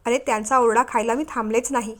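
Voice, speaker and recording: A woman's voice: fairly high pitch, fairly even intonation, fast talker, fairly bright tone, close to an everyday voice. A woman voicing a young mother who teases and lightly scolds her husband in a storybook reading. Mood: teasing. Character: warm teasing young mother, firm at heart.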